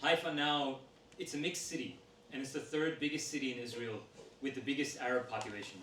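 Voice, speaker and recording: A man reads interview answers aloud in a steady, measured way. His voice is caught from a distance in an echoey room. A faint hiss sits underneath. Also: mid-range voice. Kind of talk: reading a text aloud to an audience. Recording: roomy sound from a distant mic with faint noise.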